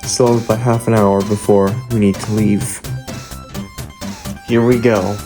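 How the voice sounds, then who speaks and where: A man's voice: fairly low pitch, flat delivery, measured pace. A man giving a casual, brief vlog update to his viewers. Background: guitar music.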